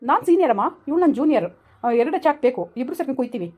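A woman's voice: sits high, expressive, racing, warm tone, voice pushed down. A woman putting on a bossy old-man father-in-law. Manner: gruff, scolding, commanding. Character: bossy village father-in-law, self-styled senior surgeon.

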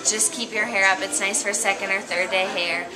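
Her mid-range voice steady and at normal speed, a young adult American hair stylist gives an easygoing, informal demonstration inside a salon. Background music plays, the camera mic sits a little way off, and the audio is poor.

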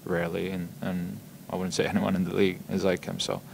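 A young man answers postgame questions at a press table in a very low, gravelly voice. He hesitates constantly, filling gaps with ums and doubled words, and his delivery stays flat, with little rise or fall. A faint hiss sits under the table mics. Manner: halting, many ums and repeated words. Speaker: hockey player. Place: press room in front of a logo backdrop. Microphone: table microphones in front of him.

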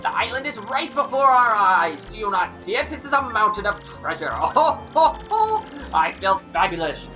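Man putting on a high, fluting, foppish dandy captain. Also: expressive, normal speed, hardly any pauses, pushed and bright, highs cut off, faint music behind, full character voice. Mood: gleeful, boastful. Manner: affected fluting fop, pompous and theatrical. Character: flamboyant, vain, foppish dandy ship captain. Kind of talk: video game character voice-over.

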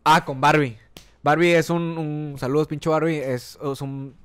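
A man hosting a podcast in a relaxed, slangy way. He speaks in a somewhat higher register than most men. He stumbles and restarts words as he searches for what to ask. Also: measured pace, smooth. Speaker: podcast host. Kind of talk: casual chat.

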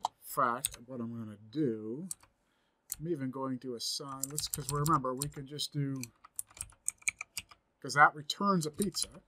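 A man's voice: mid-range voice, measured pace, pauses often, background noise. A man in his forties giving a screen-recorded coding tutorial from a home office, thinking aloud as he types, upbeat and chatty. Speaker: programming instructor.

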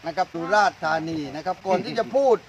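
A man's voice: high-pitched, fast, slight background noise, poor audio. A man interviewing a farmer for a promotional video, eager and repeating the answers back, outdoors in a coconut orchard in the rain. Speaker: interviewer, fertilizer brand owner.

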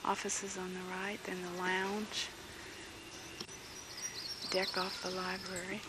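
Brief: woman narrating a camcorder tour, unhurried and quiet, voice going, loud tape hiss behind her. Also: lowish voice, completely flat delivery. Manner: slow, soft-spoken pointing out sights. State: losing her voice. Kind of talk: narrating a home video tour. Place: outdoor grounds and buildings of a campus. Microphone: built-in camcorder mic.

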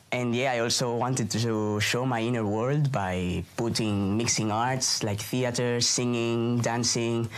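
A man's voice: medium pitch, a bit bright. A man in his twenties from Spain, earnestly explaining his own composition into a lapel mic in an indoor studio. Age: 20s. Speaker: flutist and composer introducing his piece. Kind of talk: personal video introduction. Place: indoor studio against a dark backdrop.

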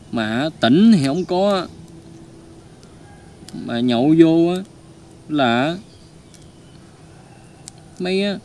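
A man with a Southern Vietnamese accent recounts a story in an earnest, colloquial way, his voice sitting at an ordinary middle pitch. He is recorded outdoors in the countryside, with faint rural ambience and animal sounds in the background. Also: a little mellow, slight background noise. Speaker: storyteller recounting a family tragedy. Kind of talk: casual spoken storytelling.

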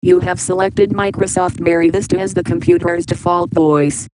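Monotone robotic female computer voice. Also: lowish voice, moderate pace, a little hiss or hum, poor audio. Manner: flat, evenly clipped machine delivery. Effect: robotic synthesized computer voice. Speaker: text-to-speech system voice.

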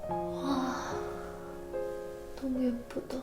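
A woman whispering gently and affectionately in a roleplay ASMR, talking softly to the listener. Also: sits high, monotone, very slow, reverberant, over loud music. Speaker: ASMR creator.

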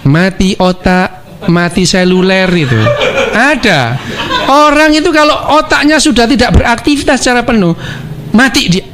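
A man, a doctor, chatting casually and lecturing in an animated, playful way, acting out quoted dialogue as he tells anecdotes. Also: high voice, normal speed, background noise. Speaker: doctor speaking on neuroscience.

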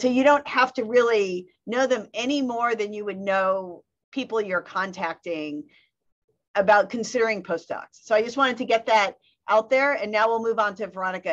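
A woman moderating a webinar over a video call, brisk and organizing. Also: medium pitch, fairly bright tone. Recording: dull lo-fi call audio.

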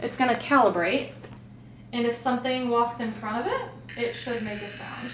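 A woman investigating a haunted lighthouse, explaining her equipment step by step and talking gently to the spirits. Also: a little high, steady tone, moderate pace, slight background noise. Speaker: paranormal investigator. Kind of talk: casual on-location narration. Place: old lighthouse keeper's house indoors.

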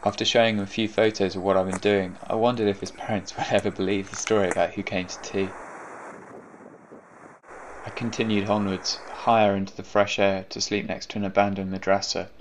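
A man in his thirties tells his own travel story in a calm, measured narration. His voice sits low and barely rises or falls. A faint hiss runs underneath. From England. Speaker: paraglider filming his trip. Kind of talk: scripted narration and on-the-spot vlogging. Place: outdoors in the mountains. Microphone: action camera on his gear.

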